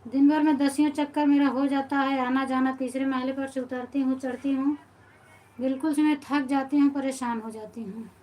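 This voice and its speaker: A woman's voice: sits high, fairly even intonation, normal speed, mellow, poor audio. A woman in her thirties with an Awadhi-inflected Hindi accent, hosting a casual live stream and chatting with her viewers. She greets them by name and grumbles about how tired and busy she is. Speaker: live-stream host and folk singer.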